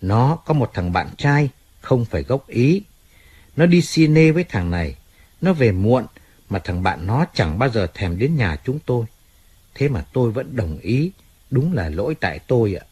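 A husky-voiced man reading the part of an aging undertaker who pleads plaintively and with self-pity in an audiobook. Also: mid-range voice, big pitch swings, a little slow, a little mellow. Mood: grieving. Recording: faint music in background.

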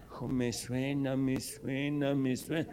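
A man's voice: mid-range voice, little pitch movement, unhurried, a little mellow, natural voice. Man doing a mumbling old man. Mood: pitiful. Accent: Mexican. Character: old man on the subway, shaky and weepy.

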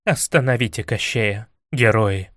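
A man's voice: lowish voice, unhurried, a bit bright, dry recording, clean studio sound, pitched below the performer's own voice. A man voicing a proud, fierce young maiden in a spoken fairy tale, speaking in a declamatory way.

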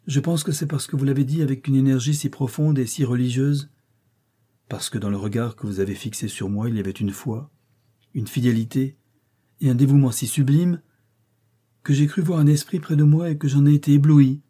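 A man voicing a brooding, ardent wealthy gentleman in an audiobook reading of a classic novel, pleading and commanding by turns. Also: mid-range voice, steady tone, fairly quick, breathy edge, natural voice.

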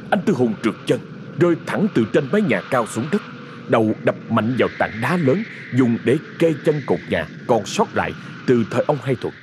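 A man narrating a ghost story in a dramatic, expressive way. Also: medium pitch, background noise.

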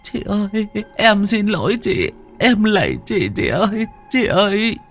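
A man's voice: very animated, unhurried, faint music behind, heavily acted. A man doing a sobbing terrified woman's wail. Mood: pleading terror. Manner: high wailing falsetto, pleading. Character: terrified sobbing middle-aged woman begging forgiveness.

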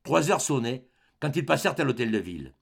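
Gravelly, expressive male audiobook narrator. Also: medium pitch, brisk. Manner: expressive, dramatic reading. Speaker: audiobook reader.

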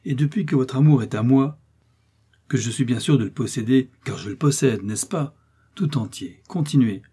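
A man's voice: medium pitch, normal speed, mellow, slightly rough. A man playing a cocky young swordsman. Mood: teasing. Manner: gallant, mocking confidence. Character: bold young swordsman, teasing and confident.

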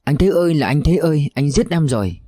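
A man voicing a young woman in labor, wailing in drawn-out cries for her husband. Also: a little high, expressive, mellow, no echo, clean studio sound. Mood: anguished.

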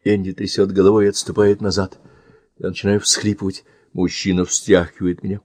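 A man's voice: sits low, level tone, brisk, darkish tone, dry recording, studio quality. A man narrating a novel in the first person with a tense, emotive delivery. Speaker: audiobook narrator.

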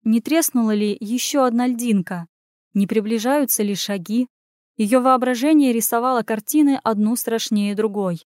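A woman narrates a fantasy audiobook with expressive storytelling. Her voice sits fairly high, and the recording is dry and close. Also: moderate pace, no echo.

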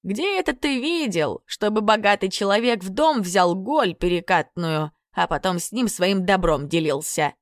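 A woman's voice: mid-range voice, lively intonation, normal speed, few pauses, no room sound, studio quality, close to an everyday voice. A woman voicing a chatty, self-pitying two-headed male serpent who talks in a wheedling, overfamiliar way. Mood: confiding, wheedling.

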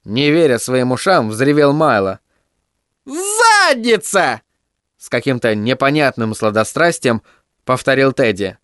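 A middle-aged man narrating an audiobook in a vivid, expressive storytelling manner. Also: mid-range voice, normal speed, smooth, no room sound, clean studio sound.

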